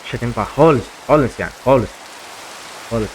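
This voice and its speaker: A man's voice: medium pitch, quick pace, slight background noise. A young man with an Egyptian accent, chatting to viewers as he plays a survival game, repeating himself as he goes. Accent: Egyptian Arabic. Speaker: gaming YouTuber. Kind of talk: casual gameplay commentary.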